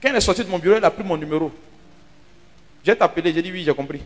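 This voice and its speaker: Animated high-voiced priest preaching. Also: male voice, rapid-fire. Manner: animated storyteller, dramatic drops to hushed asides. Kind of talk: sermon teaching. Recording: hall reverb with faint music.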